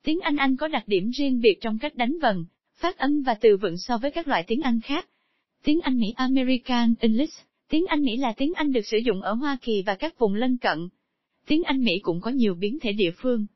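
A woman reading a scripted narration at an even, steady pace, stumbling over English terms. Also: fairly high pitch, moderate pace, no room sound. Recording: dull lo-fi dry recording.

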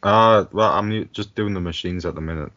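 A very deep, smooth man chatting on a podcast, flat and monotone, chuckling now and then. The sound is dry and a little dull, as on an online call. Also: fairly quick, dry recording. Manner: laid-back, chuckles often. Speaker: podcast co-host. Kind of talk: casual chat. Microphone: online call mic.

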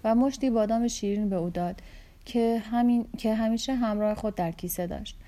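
Female audiobook reader with a warm, mellow voice and steady pacing for literary fiction. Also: a little high. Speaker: audiobook narrator. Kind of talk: reading a novel aloud.

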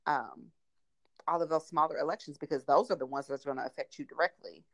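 A low-pitched woman hosts a casual podcast. She talks frankly and colloquially, leaning on her points. The recording is dry, with little room sound. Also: a little fast, dry recording. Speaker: podcast host.

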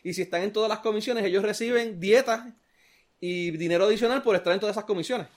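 Fast-talking Puerto Rican man, high voice. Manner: rapid, repetitive, swears freely. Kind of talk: casual political chat.

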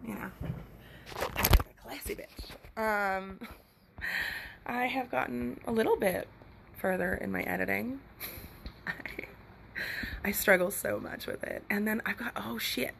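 A woman's voice: mid-range voice, moderate pace, creaky, long pauses, a bit bright, a little hiss or hum. A young woman vlogging at home with her cat, chatting casually in a rambling, giggly way and swearing now and then. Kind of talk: casual chat to the camera.

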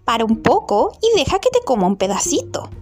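A woman voicing a plump, hungry hen in a children's story, asking slowly for a bite. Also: sits high, huge pitch swings, exaggerated voice. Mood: coaxing.

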